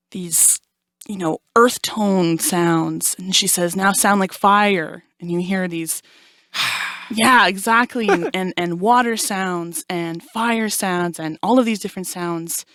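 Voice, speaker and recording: A young woman with a slightly low voice talks about her music in an animated way, slipping into the voices of people she quotes. The sound is dry and close. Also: no echo. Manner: animated storyteller, acts out quotes. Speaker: jazz vocalist, guest. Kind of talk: casual interview chat.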